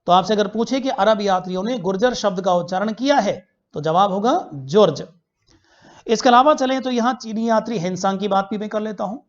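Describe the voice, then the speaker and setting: A man's voice: sits high, fairly quick. Male history teacher in an online class, poses questions, answers them himself, drills key facts; dull lo-fi recording. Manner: repeats key facts for students to remember.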